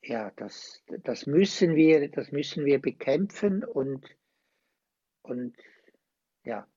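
A man, a former priest speaking as a guest, slow and hesitant but impassioned. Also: mid-range voice, expressive, warm tone, slightly rough, no room sound, highs cut off. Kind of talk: conversational interview.

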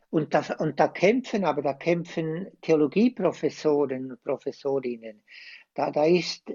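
Man, slightly high voice, very slow and halting, dry dull recording. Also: warm tone, no room sound. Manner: slow, hesitant, impassioned. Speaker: guest, former priest. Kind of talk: conversational interview.

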